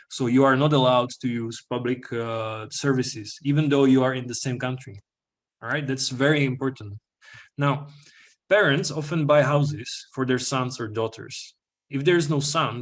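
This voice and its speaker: A young man presenting slides to an audience, explaining at length with frequent fillers and "all right?" check-ins. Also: medium pitch.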